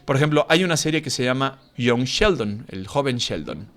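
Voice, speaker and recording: A man's voice: mid-range voice, lively intonation, moderate pace. A man teaching a Bible class as a pastor, emphatic and scolding, full of rhetorical questions. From Mexico. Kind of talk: sermon-style Bible lesson.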